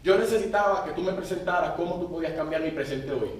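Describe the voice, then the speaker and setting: A man's voice: on the high side, fast talker. A man preaching a sermon, getting the congregation to repeat phrases back to him. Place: large church hall. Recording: echoey church hall, mic at a distance.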